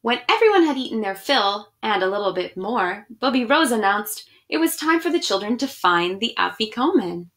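Speaking at a normal speed with few pauses, a higher-pitched woman reads storybooks to children and chats with them. She is an education director doing online read-alouds from a small indoor room at home, expressive and addressing the kids directly.

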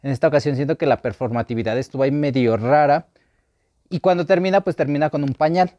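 A young man with a Mexican accent chatting campily about a drag show, gossipy and expressive. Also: fairly high pitch, fast, dry recording, highs cut off. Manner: campy, gossipy, expressive with big laughs. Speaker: drag reality show panelist. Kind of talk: casual chat.

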